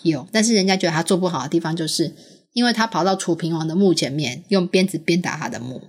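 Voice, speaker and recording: A woman's voice: on the low side, quick pace, darkish tone. A woman, patiently explaining a story to her young daughter, asking questions and laughing often. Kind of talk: casual storytelling chat with a child.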